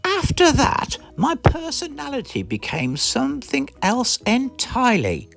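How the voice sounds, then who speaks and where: Slow, very animated British woman reading a storybook. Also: fairly high pitch, gravelly, soft background music. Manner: expressive, theatrical. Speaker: storybook reader. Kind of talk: animated scripted storybook narration.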